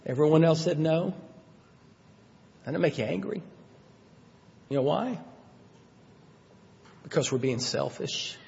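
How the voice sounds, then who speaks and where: A man preaching a sermon in a conversational way, asking the congregation questions and swinging between quiet and loud. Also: high-pitched, in a large hall, highs cut off. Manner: conversational, rhetorical questions, dynamic swings in loudness. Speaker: pastor.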